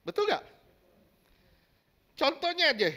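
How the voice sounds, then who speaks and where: A man preaches with a high voice, stressing his points and checking with his listeners. He acts out small scenes as examples. His tone is bright and forward. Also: huge pitch swings, slow pace. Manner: emphatic, asks the congregation questions, acts out little scenes. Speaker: pastor. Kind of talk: sermon.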